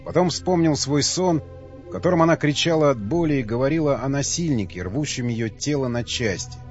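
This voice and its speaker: A man narrating an audiobook with a steady, expressive reading. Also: mid-range voice, fairly quick, faint music behind. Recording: dull dry lo-fi sound.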